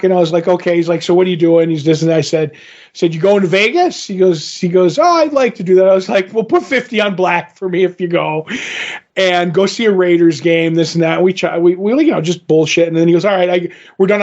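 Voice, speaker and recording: A man in his fifties chats as a podcast co-host, his voice sitting high for a man. He rambles through anecdotes and acts out every line of dialogue, laughing easily as he goes. The recording is dull and lo-fi. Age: 50s. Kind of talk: casual chat.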